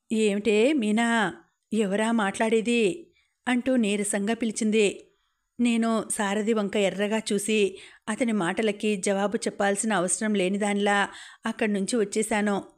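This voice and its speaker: Woman reading a novel in a flat tone. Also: mid-range voice. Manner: steady, even reading of a first-person story. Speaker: audiobook narrator. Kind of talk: scripted narration of a novel.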